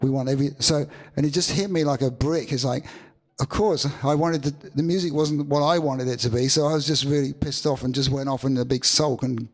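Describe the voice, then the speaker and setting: Male musician guest, gravelly and a bit husky, rambling and reflective, speaking in a live studio session. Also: medium pitch, fairly even intonation. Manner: halting, many restarts and fillers. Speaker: musician guest being interviewed. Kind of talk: reflective storytelling answer.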